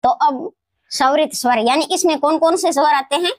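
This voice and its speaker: A woman teacher explaining grammar in a classroom lesson, repeating key words slowly and answering her own questions. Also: high-pitched, no room sound. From Rajasthan, India. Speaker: Hindi teacher.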